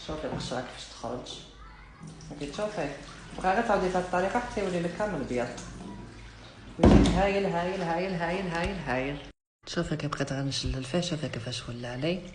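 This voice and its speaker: A woman's voice: low voice, rapid-fire, background noise. A middle-aged woman with an Algerian Arabic accent, chatting casually and sassily while she cooks, teasing the viewer and slipping into French. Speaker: cooking vlogger. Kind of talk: casual cooking demonstration. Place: home kitchen with food frying. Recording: echoey kitchen, loud sizzling pan.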